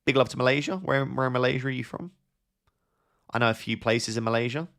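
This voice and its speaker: A young man hosting a casual live stream, reading viewers' messages aloud and thinking out loud with quick, offhand advice. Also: medium pitch, vocal fry. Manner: thinks aloud with fillers and restarts. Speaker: live-stream host answering chat.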